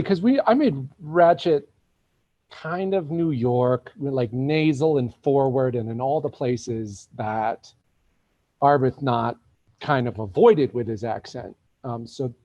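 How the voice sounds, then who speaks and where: A man's voice: medium pitch, a little mellow, dry recording, lo-fi sound. A man, an actor, chatting casually over a video call, telling stories with animation.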